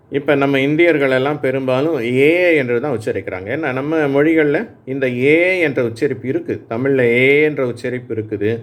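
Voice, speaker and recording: A man teaching English phonics in Tamil, saying words aloud for learners to repeat and often checking that they follow. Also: mid-range voice. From Tamil Nadu, India. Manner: explains slowly, checking in with "சரியா?". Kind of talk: Tamil-language phonics lesson.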